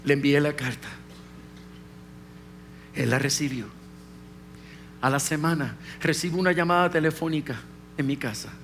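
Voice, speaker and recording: High-voiced man preaching a sermon. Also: moderate pace, pauses often, a little hiss or hum. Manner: animated storytelling with direct address to the congregation. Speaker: pastor.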